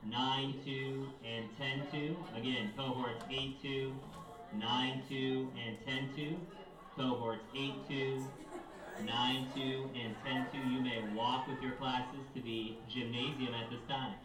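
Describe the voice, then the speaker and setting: A man's voice: mid-range voice, flat delivery, music in the background. Man's announcement over a school intercom. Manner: measured, repeats each instruction. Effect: heard over a school intercom loudspeaker. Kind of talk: public address announcements. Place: classroom, heard from a wall speaker. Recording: echoey distant intercom speaker with faint room hum.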